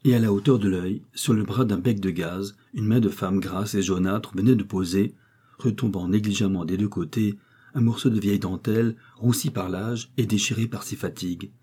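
A man narrating a classic novel as an audiobook in a measured, expressive reading. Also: on the low side, slightly rough.

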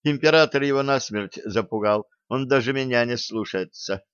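A man's voice: mid-range voice, moderate pace, fairly bright tone, smooth, no room sound, dull audio, close to an everyday voice. A man voicing a young female elf who talks in a languid, scheming way. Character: dreamy young female elf, mistress of the cat.

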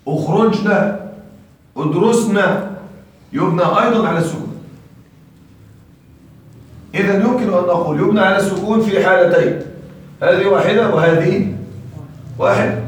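A man teaching Arabic grammar to a class, stopping often to ask the students whether they follow. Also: high-pitched. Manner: asks the class frequent check questions. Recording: echoey room, mic far off.

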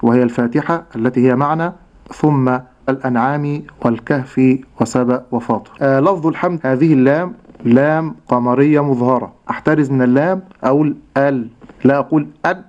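A man's voice: medium pitch, a little mellow. Patient Egyptian man teaching recitation. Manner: slow, patient, demonstrates sounds by drawing out words. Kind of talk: radio lesson on recitation. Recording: dull lo-fi radio recording.

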